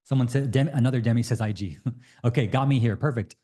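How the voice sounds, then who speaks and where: A young adult man hosting a live webinar, answering questions in an energetic, repetitive, salesy way. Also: medium pitch, quick pace. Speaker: webinar host.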